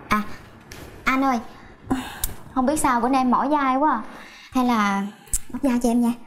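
Sweet coaxing young wife. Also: female voice, a little high, unhurried, pauses often, a bit bright. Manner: sweet, wheedling.

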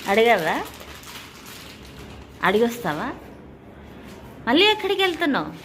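A young woman speaks with a Telangana Telugu accent in a fairly high, bouncing voice. She coaxes her small child at home, asking the same questions again and again. A faint background hum sits under her voice. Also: very animated, normal speed, a bit bright. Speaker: mother filming her child. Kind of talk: casual home vlog.

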